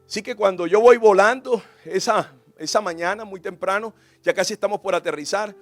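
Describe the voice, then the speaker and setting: A male pastor delivering a sermon, his voice pitched high for a man. He preaches with impassioned emphasis, swelling up on key phrases and dropping low to tell a story. Soft music plays faintly behind him. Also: a little fast. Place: church.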